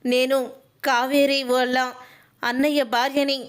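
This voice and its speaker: A woman's voice: high-pitched, flat delivery, measured pace, smooth. A woman reading as a furious, accusing mother. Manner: angry, accusing. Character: furious mother confronting her daughter.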